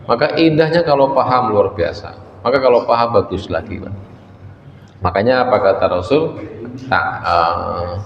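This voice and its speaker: A man's voice: fairly low pitch, gravelly, slight background noise. A male preacher gives a folksy, conversational mosque lecture, speaking to his listeners directly and slipping in words. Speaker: preacher teaching a religious study circle. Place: mosque hall. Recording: echoey dull mosque hall recording.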